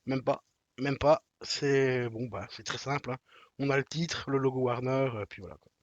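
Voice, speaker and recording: A man's voice: medium pitch, steady tone, normal speed, dull audio, slight background noise. A man casually talking through an unboxing, chatty and slangy, speaking straight to the viewer with lots of fillers. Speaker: collector unboxing a steelbook.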